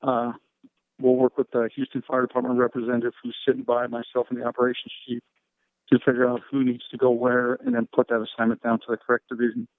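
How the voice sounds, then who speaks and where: A rescue official briefs reporters on a conference call and takes their questions, speaking in measured, procedural language full of operational jargon. His medium-pitched voice is even and unanimated. The line sounds dry, narrow and phone-like.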